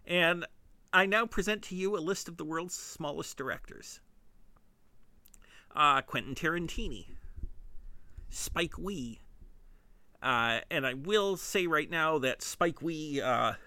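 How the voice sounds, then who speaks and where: A man's voice: a little high, slow, long pauses, sharp tone, dry recording. A man with a Midwestern accent, hosting a podcast and telling a casual comedic monologue, often breaking into giggles at his own puns. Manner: giggly, self-amused punning. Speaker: podcast host.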